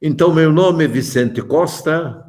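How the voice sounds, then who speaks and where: A man's voice: fairly high pitch, measured pace, darkish tone. A man in his seventies from Malta, a bishop giving a joking, chatty catechesis talk to adults and calling on them by name. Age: 70s.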